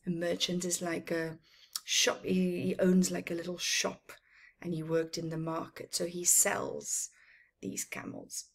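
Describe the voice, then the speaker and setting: A middle-aged South African woman, whose first language is Afrikaans, reads a story aloud to children in a small plain room at home, delivering it slowly, deliberately and emphatically with teacherly asides. Her voice is fairly low and monotone.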